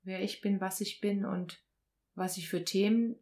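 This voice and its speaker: A woman as an interview guest, telling a personal story in conversation with lively acted-out dialogue. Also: medium pitch, measured pace. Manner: animated, acts out quoted dialogue.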